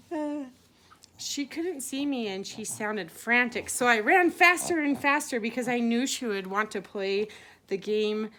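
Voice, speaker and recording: A woman's voice: a little high, expressive, slow pace, pauses often, a bit bright, slight background noise. A woman telling a playful improvised story to a child, laughing often as she goes.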